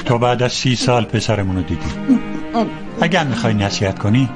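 A man voicing a calm older husband in a dubbed TV drama, speaking plainly and matter-of-factly. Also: mid-range voice, music in the background, lightly acted.

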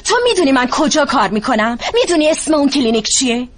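An actress dubbing a hurt, resentful younger sister, speaking in a bitter, accusing way. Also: female voice, high voice, lively intonation, a little hiss or hum. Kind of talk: dubbed TV drama acting.

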